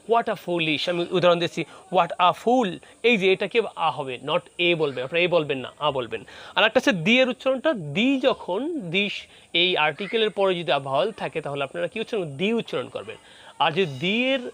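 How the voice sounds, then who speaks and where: High-voiced Bangladeshi man teaching English. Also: a bit bright, dry recording. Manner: explains step by step, repeating words and asking "okay?" to check. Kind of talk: recorded pronunciation lesson.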